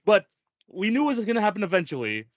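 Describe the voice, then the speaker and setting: A man's voice: high voice, sing-song, fast, no room sound, highs cut off. A man co-hosting a sports podcast, talking in casual chat with emphatic, restarting sentences. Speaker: podcast co-host.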